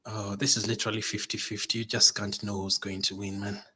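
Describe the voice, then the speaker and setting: A man's voice: on the low side, little pitch movement, brisk, pushed and bright, breathy edge. A man hosting a live football watch-along, anxiously pleading and reacting to a penalty shootout. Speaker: football fan channel host.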